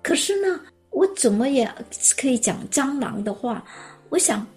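A woman's voice: high-pitched, normal speed, faint music behind. Storytelling woman preacher. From Hong Kong. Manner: lively storyteller who acts out her own exclamations. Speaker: preacher sharing a testimony. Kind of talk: storytelling sermon.

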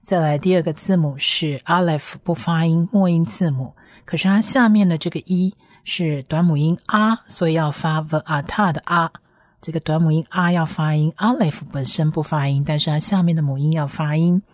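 Female teacher with a low voice and dry, close sound, patiently spelling out sounds one letter at a time. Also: steady tone, normal speed, no echo. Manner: patient, repeats each sound several times. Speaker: Hebrew teacher. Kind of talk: pronunciation lesson.

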